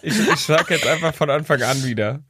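Playful man podcast host, slightly high voice. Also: brisk, very noisy. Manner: playful, joking. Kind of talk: casual chat. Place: home studio.

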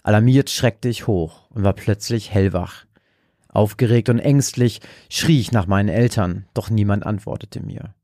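A man narrating a dark horror story in a slow, measured way. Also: lowish voice, no room sound, clean studio sound. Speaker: podcast host and story narrator.

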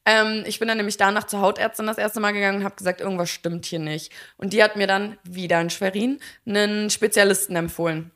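A young woman co-hosting a podcast, telling a personal story in a lively way and acting out the voices of the people in it. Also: medium pitch, fast, few pauses. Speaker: podcast co-host. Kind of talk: casual chat.

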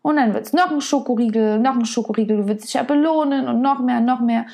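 A woman coach talks straight to the listener about being kind to herself, earnest and coaxing. She repeats key phrases to drive them home. Her voice sits high and carries a gravelly fry. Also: fast, darkish tone. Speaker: women's self-love and nutrition coach. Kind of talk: motivational self-help monologue addressed to the listener.

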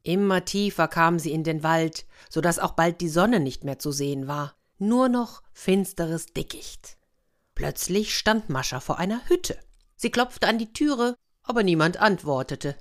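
Lower-voiced woman reading a children's fairy tale. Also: unhurried. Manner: lively, confiding asides to young listeners. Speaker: storyteller.

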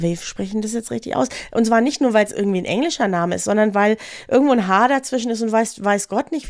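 A woman with a mid-range voice talks in a dry, close recording. She co-hosts a chat podcast in a lively, chatty way, laughing often and ending thoughts with quick tag questions. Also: medium pitch, no echo. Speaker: podcast co-host. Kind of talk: casual chat.

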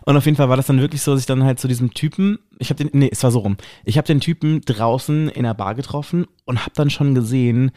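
A man in his thirties chats as a podcast guest. His voice is mellow and warm, recorded close and dry, and he tells his story loosely and at length, checking in with his listener at the end of each sentence. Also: medium pitch, fast talker, hardly any pauses, no echo. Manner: rambling storyteller, frequent "ne?" tags. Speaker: podcast guest, drag performer and DJ. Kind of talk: casual chat, personal storytelling.

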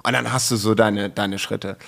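A young man co-hosting a casual podcast tells a story in an animated way, packing it with slang and filler words and acting out the quotes. His voice is lowish and gravelly, at a normal speed.

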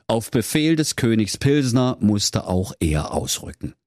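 A man's voice: lowish voice, very animated, a little slow, a little mellow, no echo, studio quality. A man narrating a comic fairy tale for children in a playful storyteller's lilt.

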